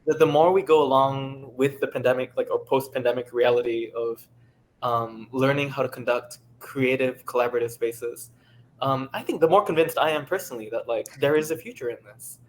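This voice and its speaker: A man with a mid-range voice speaks briskly, earnestly and upbeat as an audio drama producer on a casual panel discussion. Faint background noise can be heard.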